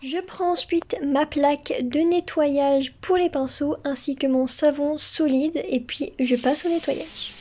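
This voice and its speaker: A woman giving a soft, gentle, instructional tutorial voice-over as a makeup artist. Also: high-pitched. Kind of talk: scripted tutorial voice-over with soft ASMR touches.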